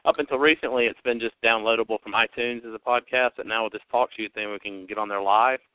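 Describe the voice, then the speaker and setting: A podcast host chats casually over a phone line, his fairly low, steady voice moving at a quick clip. He's upbeat and talkative, rambling along with plenty of fillers. The sound is narrow and dry, with a clean tone and no room sound.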